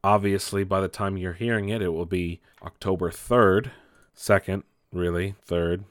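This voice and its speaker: Male podcast host, lower register, casual and unscripted, often correcting himself, recorded close and dry. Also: steady tone, moderate pace, no echo. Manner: loose, off-the-cuff, hesitant, self-correcting. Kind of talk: casual solo gaming and entertainment news podcast.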